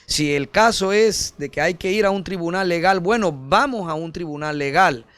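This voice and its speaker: Male pastor, sermon delivery, higher-pitched voice, dry close sound, direct and earnest, calls listeners brother. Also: normal speed, smooth, no echo. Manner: earnest preaching, rising to emphatic peaks then dropping soft.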